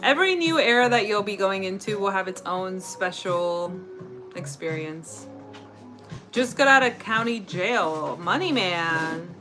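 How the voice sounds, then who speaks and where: A woman from the United States hosts a casual livestream while cooking in her home kitchen, her mid-range voice lively in intonation and a little slow. She reads out comments from live viewers and answers them, with music playing behind her.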